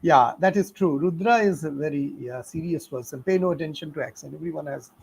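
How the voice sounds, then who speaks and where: His voice sits on the high side yet has a darkish, husky tone with vocal fry, and he talks briskly. He's a middle-aged physics teacher with an Indian accent, chatting through students' questions on a live stream with lots of fillers, laughter and fatherly encouragement.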